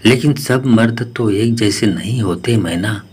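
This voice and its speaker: Storybook parrot who lost his nest, soft-spoken and begging for shelter, read by a man in a low, slow voice. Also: husky. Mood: pleading. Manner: soft, pleading. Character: homeless grieving male parrot, gentle and pleading.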